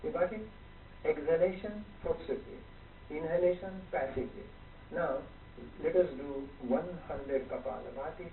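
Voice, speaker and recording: A man's voice: a little high, moderate pace, creaky. A man giving a yoga breathing demonstration in terse, clipped instructional phrases. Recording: distant, echoey, noisy phone-like playback.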